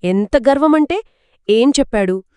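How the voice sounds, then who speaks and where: A woman joins a children's story conversation, prompting with eager questions and quick reactions. Her voice is smooth and clear at a medium pitch, recorded close and dry. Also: expressive, mellow, no room sound. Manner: curious, reacting with exclamations. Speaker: co-host asking questions.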